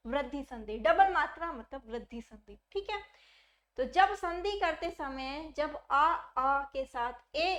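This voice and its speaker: Slow, high-voiced woman teaching grammar. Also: a bit bright. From India. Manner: patient, asks and answers her own questions. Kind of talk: exam-prep grammar lesson.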